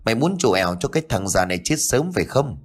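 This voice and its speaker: A man voicing a blunt, quick-tempered old village farmer in an audiobook ghost story. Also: fairly low pitch, sing-song, faint music behind. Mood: furious. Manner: blunt and gruff.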